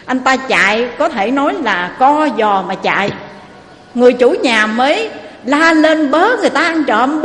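Woman preacher, lively storyteller, fairly high voice, echoey hall. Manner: lively storyteller, addresses the audience often. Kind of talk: moral storytelling sermon. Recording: echoey hall, faint noise.

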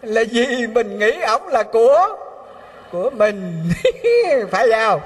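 Animated Southern Vietnamese preacher, high voice. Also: male voice, slow pace, slightly rough. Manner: animated, asks the audience rhetorical questions. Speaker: Buddhist preacher. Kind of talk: storytelling sermon. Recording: long hall reverb.

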